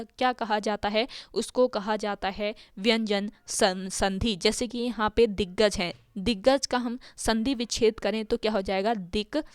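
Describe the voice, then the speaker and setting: Brief: woman teacher, mid pitch, dry close mic, answers her own questions, exam-prep grammar. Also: smooth, no echo. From India. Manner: spells out words sound by sound.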